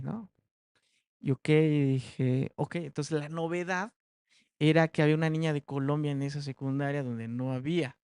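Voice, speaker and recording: A man's voice: a little high, a little mellow, smooth, no echo, clean studio sound. A man giving a classroom research presentation, talking conversationally with many fillers and tag questions.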